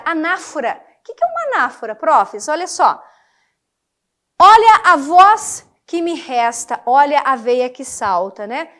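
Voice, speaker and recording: Brazilian woman, middle-aged teacher, high voice, emphatic and engaging. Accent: Brazilian Portuguese. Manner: lively, emphatic, checks in with listeners often. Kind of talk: classroom lecture on figures of speech.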